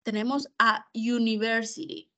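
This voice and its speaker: Slow-speaking Spanish-speaking woman teacher. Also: on the high side, fairly even intonation, fairly bright tone. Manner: slow, careful, repeats words to model pronunciation. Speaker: English teacher. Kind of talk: online class explanation.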